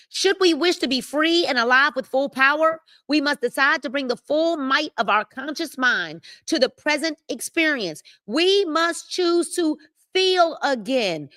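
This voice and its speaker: A woman, hosting a live book club and reading aloud with preachy, drawn-out emphasis and asides to her viewers. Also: sits high, pushed and bright, dry recording, studio quality. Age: 50s. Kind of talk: live-stream book reading and motivational talk.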